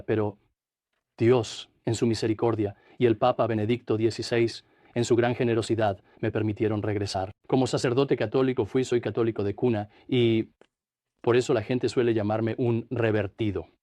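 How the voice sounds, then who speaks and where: Older priest telling his story calmly. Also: medium pitch, no echo. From Trenton, New Jersey, USA. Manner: measured, reflective storytelling. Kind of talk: studio interview, dubbed.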